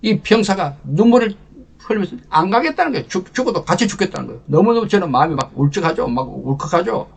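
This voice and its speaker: An older man, a lecturer and channel host, tells an emotional personal war story as a leadership talk, swinging from loud to hushed. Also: sits high, sing-song, quick pace, vocal fry, husky.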